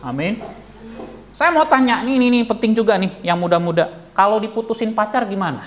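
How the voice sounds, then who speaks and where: Animated preacher man, lively pitch. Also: a little fast, slight background noise. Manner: animated, jokey, asks the congregation questions. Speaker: pastor. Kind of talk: lively sermon. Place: church.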